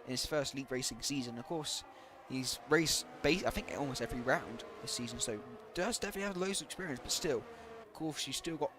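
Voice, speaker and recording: A man's voice: mid-range voice, fairly quick, few pauses, noisy background. A man doing live commentary on an online racing league, talking hesitantly with many fillers, saying he is losing his voice.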